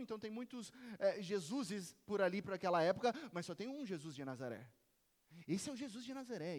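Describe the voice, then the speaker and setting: A man preaching a sermon as pastor, emphatic, his voice rising to shouts at the climaxes. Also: sits high. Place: church sanctuary. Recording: reverberant church hall.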